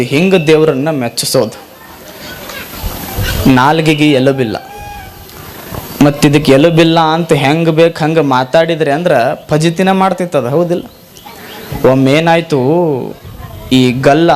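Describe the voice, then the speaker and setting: Monk preacher, man, North Karnataka accent, high voice, animated storyteller swinging between high punchlines and low reflection. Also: slight background noise. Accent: North Karnataka Kannada. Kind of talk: devotional sermon with storytelling. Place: temple gathering.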